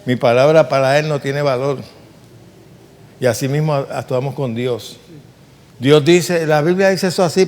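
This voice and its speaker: A man's voice: on the high side, darkish tone, long reverb tail. A man preaching a sermon in an earnest, emphatic way, asking rhetorical questions.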